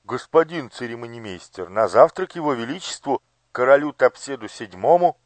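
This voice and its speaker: A man's voice: mid-range voice, lively intonation, normal speed, no echo, pitched above the performer's own voice, close to an everyday voice. Man doing an eager little palace cook. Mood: dutiful. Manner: eager, listing dutifully. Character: small fat male palace cook reciting a menu.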